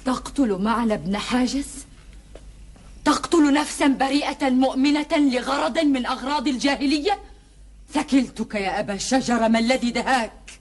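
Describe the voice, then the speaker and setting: A stern matriarch of a desert tribe in a historical TV epic. Her voice is high and charged with reproach. She declaims in formal, indignant phrases. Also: moderate pace. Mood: shocked reproach. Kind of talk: historical epic TV drama acting in formal Classical Arabic.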